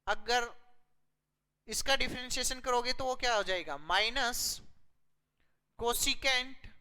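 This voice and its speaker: A woman's voice: a little high, takes it slowly, pushed and bright, smooth, big-room sound, rough recording. A woman physics teacher working through a math problem step by step, asking and answering her own questions.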